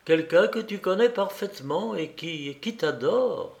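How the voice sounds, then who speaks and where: A man's voice: on the high side, animated, unhurried. A man reading aloud voices an anxious, tender mother who pleads with her daughter. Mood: pleading. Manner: pleading, timid, then overjoyed.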